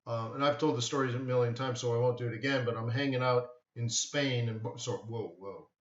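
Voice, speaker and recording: A man's voice: medium pitch, a little fast. A man hosting a live trading stream, telling rambling stories in casual chat. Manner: rambling, storytelling, animated with acted quotes. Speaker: forex trading livestream host. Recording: roomy, distant, slightly dull sound.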